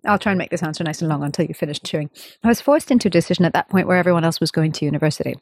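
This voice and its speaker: A woman in her thirties, a musician, answering interview questions in a thoughtful, measured way and laughing easily. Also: sits low, darkish tone, dry recording, studio quality. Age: 30s. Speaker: interview guest, sitar player. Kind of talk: relaxed conversational interview.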